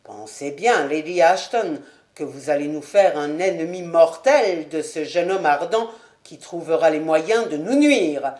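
A woman voicing a cautious, weary middle-aged nobleman who speaks in a placating, measured way, in a roomy recording. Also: sits low, darkish tone, voice pushed down.

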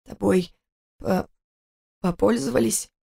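A woman voicing an injured man who speaks hoarsely and quietly, lower and softer than her narration. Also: takes it slowly, heavily acted. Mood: weary stern. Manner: hoarse, slurred.

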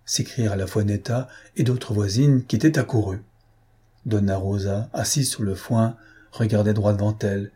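A man narrating a classic novel in a measured, steady storytelling manner. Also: on the low side, slightly rough. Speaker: audiobook narrator. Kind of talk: scripted narration.

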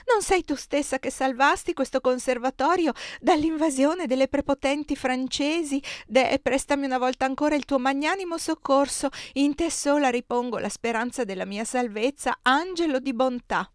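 Panicky elderly abbess, put on by a woman reader: high, pleading, dry close sound. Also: steady tone, normal speed, few pauses, no echo, close to an everyday voice. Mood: begging. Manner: shrill, imploring, sobbing pleas. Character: terrified old female abbess, pleading and proud.

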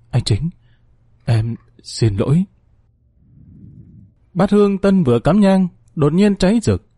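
A man's voice: fairly high pitch, dark tone, dry recording. A man narrating a ghost story in a scripted reading, giving the characters small acted shifts.

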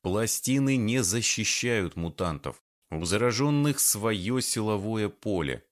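A man's voice: on the low side, animated, unhurried. A man voicing a blunt, unflappable grown man. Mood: pondering. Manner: blunt, matter-of-fact.

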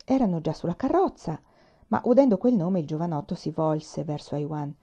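A woman reading a novel aloud as an audiobook, in a measured, expressive way. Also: deep voice. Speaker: audiobook reader. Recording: dull lo-fi recording.

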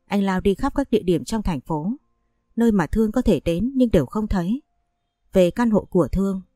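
A woman narrating a story in a calm, steady, emotive way. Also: lowish voice, no room sound, clean studio sound.

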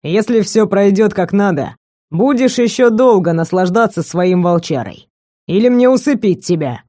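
A woman reading an audiobook, voicing a young male werewolf kidnapper who speaks low, quiet and mocking. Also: lively intonation, normal speed, no room sound, studio quality, lightly acted. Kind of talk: audiobook character voice.

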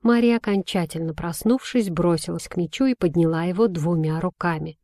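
A woman reading a children's fantasy story aloud, with clear, even storytelling. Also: on the low side, a little fast, dry recording, clean studio sound. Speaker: audiobook narrator. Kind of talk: scripted storybook narration.

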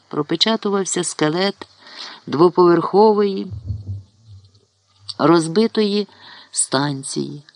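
A man narrating literary prose as an audiobook, measured and expressive, lingering on descriptions. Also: a little high, vocal fry, no room sound.

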